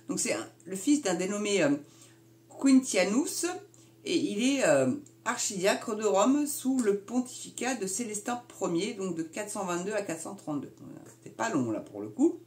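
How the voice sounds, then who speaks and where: A woman's voice: medium pitch, sing-song, moderate pace, a little mellow. A woman hosting her own video channel, giving a casual talk from her notes with many fillers and self-corrections, and chatty asides to viewers. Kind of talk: casual explainer reading from notes.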